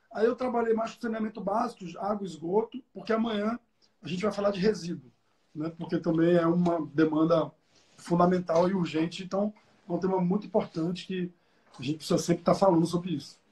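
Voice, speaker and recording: A man's voice: high-pitched, fairly even intonation, a little fast, a little mellow. A young man, talking casually as an interview guest, with many fillers and repeated words. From Rio de Janeiro, Brazil. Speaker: guest, environmental engineer.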